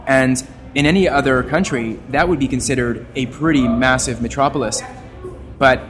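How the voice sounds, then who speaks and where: Wordy, expressive man talking shop. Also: medium pitch, moderate pace. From Canada. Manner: expressive, wordy, plays with his voice. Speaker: guest, journalist and podcaster. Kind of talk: casual interview talk.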